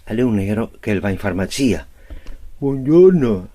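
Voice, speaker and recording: A man's voice: lowish voice, fairly even intonation, fairly quick, darkish tone. A man from the Veneto in Italy telling a joke in Venetian dialect, as a storyteller would to listeners. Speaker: joke teller.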